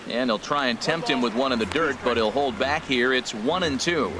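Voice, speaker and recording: A man plays a composed, professional baseball play-by-play announcer in a video game, calling the action over stadium noise. He speaks at normal speed with a medium pitch, lightly acted.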